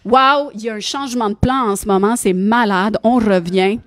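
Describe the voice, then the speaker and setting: A woman's voice: mid-range voice, normal speed, fairly bright tone, no room sound, studio quality. A woman with a Quebec French accent and rolled Rs co-hosts a live comedy podcast, exuberant and theatrical, dropping in English interjections. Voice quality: rolled R sounds. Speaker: co-host of a live book podcast. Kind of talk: playful live comedy banter.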